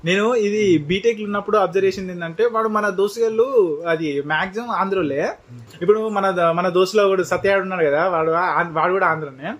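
A young man in his twenties with a Telangana Telugu accent, teasing a friend in a casual debate. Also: sits high. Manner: teasing, animated, quick-talking. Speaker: vlogger.

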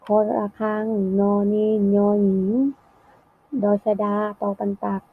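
A woman teacher giving a lesson, explaining slowly and clearly and ending sentences with polite particles. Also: medium pitch, monotone. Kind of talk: classroom lesson narration. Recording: thin phone-like audio.

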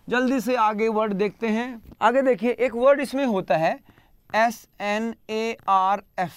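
Man, Indian English accent, high and clear voice, unhurried, spells words out, close dry mic. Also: no echo. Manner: spells words letter by letter and drills pronunciation slowly; mixes Hindi and English, addresses students directly. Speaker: English vocabulary teacher. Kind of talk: online vocabulary class.

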